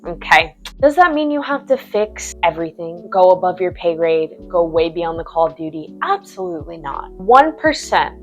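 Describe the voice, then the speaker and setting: A woman's voice: lowish voice, sing-song, moderate pace, soft background music. A woman nurse hosting an advice vlog, speaking frankly and animatedly to camera, sometimes acting out cheerful small talk with patients. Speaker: nurse and channel host.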